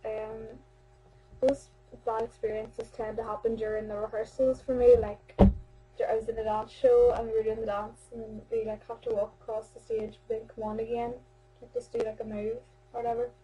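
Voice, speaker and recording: A woman's voice: on the high side, little pitch movement, moderate pace, dark tone, slightly rough, poor audio. A young Irish woman in her teens chatting casually to a webcam about amateur theatre, rambling, with many fillers and restarts. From Ireland. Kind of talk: casual vlog chat.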